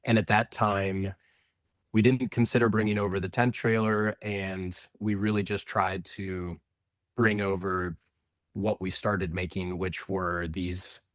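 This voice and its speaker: This Indianapolis company representative speaks in a deep, flat, unhurried voice while fielding interview questions about the family business. His explanations come with frequent restarts, and the recording is dry and studio quality.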